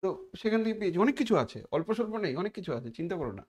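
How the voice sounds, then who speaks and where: A man's voice: high voice, sing-song, very fast, a little mellow. A man giving a conversational exam-prep lecture as a teacher, repeating points and mixing in English terms.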